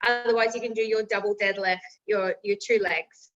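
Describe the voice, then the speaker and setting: A woman's voice: medium pitch, steady tone, normal speed. A woman leading a group workout as fitness instructor, giving encouraging cues and instructions. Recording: roomy, distant mic, slightly dull.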